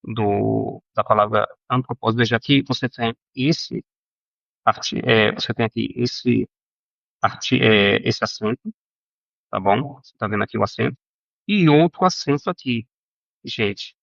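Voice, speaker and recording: A man teaching a recorded Greek grammar lesson, halting with fillers and self-corrections and often checking in with his students. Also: lowish voice, vocal fry, fairly bright tone, no room sound, highs cut off.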